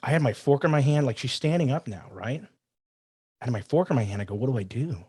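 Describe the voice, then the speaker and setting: A man who trains people in self-defense, telling a casual story in an animated way and quoting himself and others as he goes. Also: mid-range voice, fast talker, slightly rough, no echo. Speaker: firearms trainer guest.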